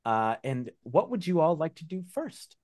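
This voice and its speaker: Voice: mid-range voice, big pitch swings, normal speed, a little mellow, no echo, studio quality. A game master casually narrating a tabletop game recap in a hesitant, rambling way.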